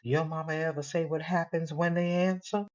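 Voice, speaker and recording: A woman's voice: low-pitched, fairly even intonation, normal speed, a little mellow, dull audio, lightly acted. A woman voicing a grieving, caring adult woman with an urgent, pleading manner in an audio story. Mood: earnest.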